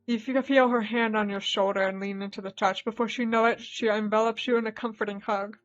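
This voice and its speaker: A woman's voice: medium pitch, a little fast, lo-fi sound, soft background music. A woman streamer reading a dating game's text aloud and reacting with laughing asides. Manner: animated, laughing asides between read lines.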